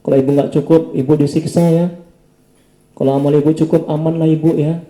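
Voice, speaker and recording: Male preacher, very dark mellow voice, soft tag-question probing, echoey room. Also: a little high, level tone, fairly quick. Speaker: Islamic preacher. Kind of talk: questioning a patient after a healing session.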